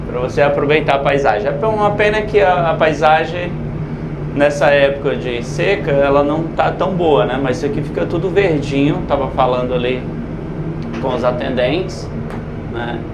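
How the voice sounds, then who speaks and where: A man casually narrating a travel vlog while walking around outside, chatting to his viewers like a tour guide. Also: a little high. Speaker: travel vlogger. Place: outdoors at a hilltop statue and cable car, city. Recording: loud outdoor noise and wind.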